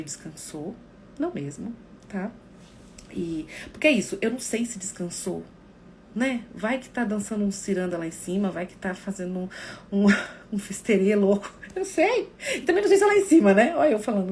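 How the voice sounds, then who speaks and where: A woman psychologist talking to viewers on a live stream, expressive and acting out the remarks people make. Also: medium pitch, brisk, slight background noise. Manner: expressive, acts out quoted remarks.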